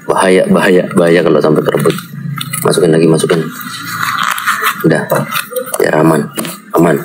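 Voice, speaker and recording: A man's voice: very deep voice, level tone, normal speed, vocal fry, background noise. A man hosting an unscripted horror vlog, talking urgently and crying out religious exclamations. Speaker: horror vlog host, spiritual guide.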